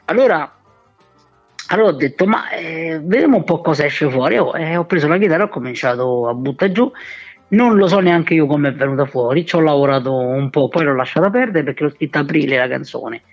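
A man's voice: a little high, lively intonation, brisk. A man with a Roman Italian accent chatting casually by phone as a songwriter guest, joking and blunt in colloquial speech. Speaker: singer-songwriter guest calling in. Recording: dull phone call, faint music behind.

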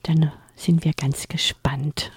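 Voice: medium pitch, flat delivery, slow, husky, dry recording. A host asking a guest to read, speaking partly in a whisper. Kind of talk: interview chat.

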